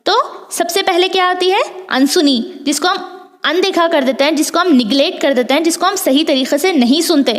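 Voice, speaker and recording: A woman teacher going through exam questions, explaining each term in Urdu and English with many repetitions. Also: very high voice. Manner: explains terms by repeating them in Urdu and English. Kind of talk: exam question walkthrough lesson. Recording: long hall reverb.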